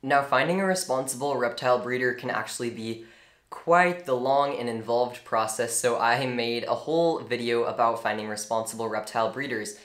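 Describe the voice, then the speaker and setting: A young man giving an informal, earnest tutorial on reptile care, with strong opinions and lively emphasis. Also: medium pitch, normal speed. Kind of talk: informal instructional talk. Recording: echoey room.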